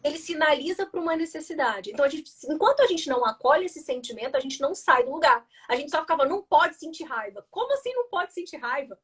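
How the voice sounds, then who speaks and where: A Brazilian woman who works as a host, journalist and communication coach leads a live stream, explaining ideas about feelings and reading viewer comments in an encouraging, teacherly tone. She has a Brazilian Portuguese accent and a high, slightly bright voice, speaking animatedly at a quick pace with hardly any pauses.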